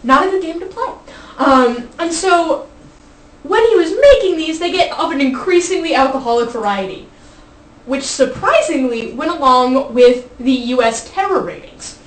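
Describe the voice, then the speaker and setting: A woman's voice: high-pitched, expressive, normal speed. A young adult woman informally telling a funny story to a group, rambling and giggly, breaking off for asides. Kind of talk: informal comic anecdote told to a live group. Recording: echoey room, distant mic.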